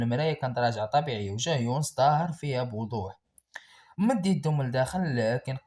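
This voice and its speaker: A man's voice: mid-range voice, darkish tone. A man with a Moroccan accent narrating a horror story in a dramatic, suspenseful way.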